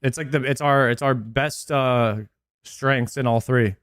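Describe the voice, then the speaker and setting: A man's voice: medium pitch, fairly even intonation, a little slow, fairly bright tone, smooth, dry recording, studio quality. A man chatting casually on a game livestream in hyped, slangy frat-bro talk. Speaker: game streamer. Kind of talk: casual livestream gaming chat.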